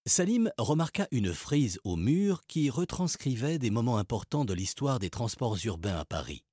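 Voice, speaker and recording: Husky male narrator for a children's storybook; animated, expressive delivery, dry recording. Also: medium pitch, moderate pace, no room sound. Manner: lively, expressive reading. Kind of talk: storybook reading.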